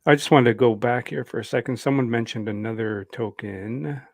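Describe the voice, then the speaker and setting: A man's voice: medium pitch, brisk, vocal fry, no room sound. A man appearing as a guest on a casual livestream, easygoing and a little hesitant when recalling things.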